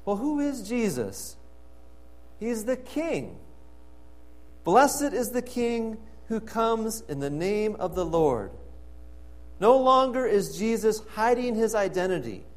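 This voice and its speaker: A man preaching a sermon as pastor, reading scripture and pressing repeated questions with emphasis. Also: high-pitched.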